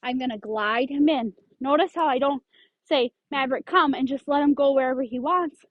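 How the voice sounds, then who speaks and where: A woman's voice: high-pitched, normal speed, dry recording, highs cut off. A woman dog trainer explaining leash handling step by step, giving firm short commands to a dog. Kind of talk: instructional demonstration.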